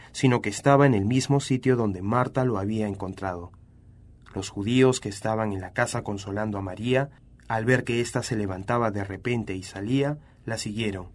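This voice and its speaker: A man giving a scripture reading aloud in a steady, even-toned way. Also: on the low side. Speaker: Bible reader.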